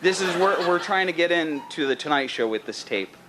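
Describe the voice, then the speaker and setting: A man's voice: a little high, animated, a little fast, background noise. A man doing a teasing on-the-street interview in a liquor store. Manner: needling, teasing. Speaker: comic correspondent.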